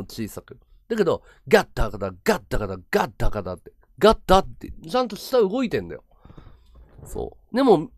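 Man, livestream chat, mid pitch, very lively swings, dry close sound, slangy and emphatic. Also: no room sound. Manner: swings between excited bursts and low mumbled asides; rough slangy talk, repeats words for emphasis. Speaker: live streamer. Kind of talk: casual livestream chat with viewers.

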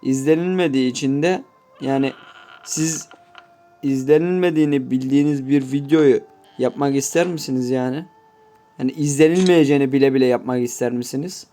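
A man's voice: medium pitch, steady tone, a little fast, dark tone, slight background noise. A man giving casual gameplay commentary, swearing constantly and grumbling to his viewers in mock-offended asides. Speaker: gameplay YouTuber.

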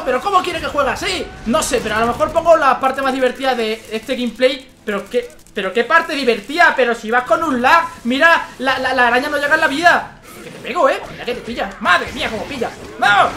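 Excitable young-sounding male gamer from Spain, high bright voice, rapid-fire commentary with faint game music behind. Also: slight background noise. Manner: excitable, frequent swearing and exclamations. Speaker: gaming channel host. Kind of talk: let's play commentary.

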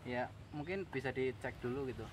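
Standing on grass beside a rice field, a young man talks casually to his vlog about selling his camera equipment. His mid-range voice moves at normal speed, picked up by a camera several metres off with noisy outdoor sound.

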